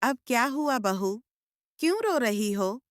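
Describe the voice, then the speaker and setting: A kind middle-aged mother-in-law from a cartoon story, voiced by a woman. She speaks gently and affectionately, with a fairly high voice recorded dry and close. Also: animated, takes it slowly, no echo. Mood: gentle.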